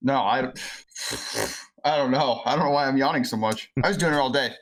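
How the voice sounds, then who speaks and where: A man co-hosting a podcast, sleepy and yawning, answering in quick casual agreement. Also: medium pitch, poor audio. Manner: quick, agreeable, short backchannels. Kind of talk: casual chat.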